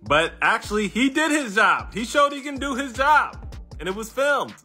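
High-pitched man cracking punchy topical jokes. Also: moderate pace, faint music behind. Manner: animated, sarcastic, punchy joke delivery. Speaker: commentator. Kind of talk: punchy comedic topical commentary to camera, like late-night jokes.

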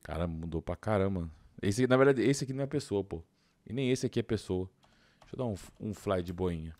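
A young Brazilian man plays through a game on video, expressive and a little fast, talking informally with plenty of slang as he thinks aloud. His voice is low and mellow, and the dry recording has no echo.

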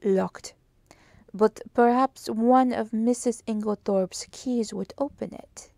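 A woman voicing a fussy, precise older male Belgian detective who asks slow, emphatic questions in a storybook reading. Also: on the high side, vocal fry, dark tone, dry recording. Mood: amused. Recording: dry close audiobook recording.

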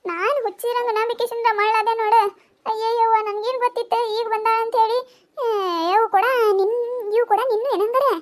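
A woman's voice: very high-pitched, steady tone, a little fast, pitched above the performer's own voice. A woman doing a squabbling village woman. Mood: indignant. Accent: North Karnataka Kannada. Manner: arguing, accusing, pleading. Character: quarrelsome village woman at the water tap. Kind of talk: cartoon voice acting.

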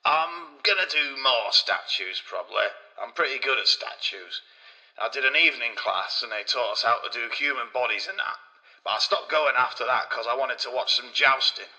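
A man's voice: mid-range voice, normal speed, sharp tone, poor audio. A man voicing a coarse, boastful male Renaissance sculptor, rambling crudely.

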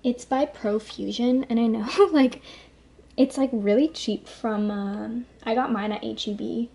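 A young woman in her twenties talks to camera at home, chatty and full of fillers, a touch out of breath. Her voice sits a little high. Faint noise is heard behind her. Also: fairly even intonation, measured pace, creaky, mellow. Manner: chatty, filler-heavy, bubbly. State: slightly out of breath. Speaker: vlogger. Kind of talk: casual chat to camera.

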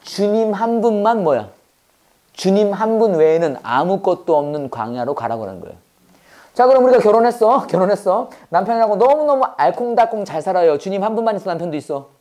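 A woman leads a call-and-response Bible English lesson, firing off short questions and making her listeners repeat verse phrases. Her voice is warm and mellow, and she switches between Korean and English as she pushes the drill forward with preacher-like emphasis. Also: mid-range voice, very animated, fairly quick. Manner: mixes Korean explanation with English scripture phrases.

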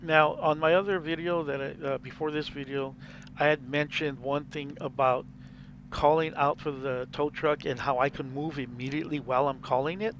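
A man's voice: on the high side, steady tone, moderate pace, a bit bright, highs cut off, slight background noise. A man hosting a gameplay video, explaining casually and rambling as he plays. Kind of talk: casual game commentary.

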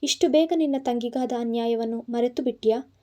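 A woman's voice: on the high side, normal speed, a little mellow, natural voice. A woman reading the part of an angry, protective young man in an audiobook, scolding and insistent. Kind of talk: audiobook narration.

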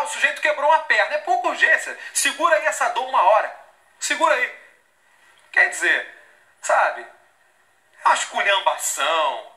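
In an echoey television studio, a Brazilian news anchor in his forties reads a statement aloud, his extremely high, bright voice forceful. Indignant and sarcastic, he gestures and speaks emphatically in a Brazilian Portuguese accent as he comments.

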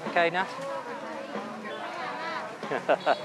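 A travel vlogger hosts a walking tour of a busy outdoor night market, chatting enthusiastically and musing aloud about the food he spots. His voice sits on the high side and moves extremely slowly, with loud music and a noisy crowd behind him. He's recorded on a handheld camera as he walks, and the market noise is loud throughout.

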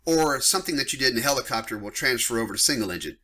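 A man in middle age walks viewers through regulations in a bright, forceful voice that rises and falls with plenty of life. He is blunt and emphatic, slipping into casual asides and getting fired up when he makes a point. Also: mid-range voice, animated, racing. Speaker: flight instructor. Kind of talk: screen-share lesson on aviation regulations.

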